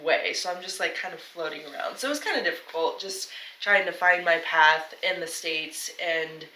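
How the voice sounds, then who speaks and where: Blunt, bright-voiced woman guest. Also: fairly low pitch, normal speed, far from the mic, slight background noise. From grew up in Peru, born in the US. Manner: blunt, candid storytelling. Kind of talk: casual chat. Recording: echoey room, a little off the mic.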